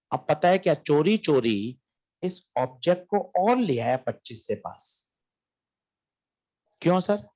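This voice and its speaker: A man teaching a physics lesson in a classroom-lecture style, quizzing students and answering his own questions in a coaxing, emphatic way. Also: high voice.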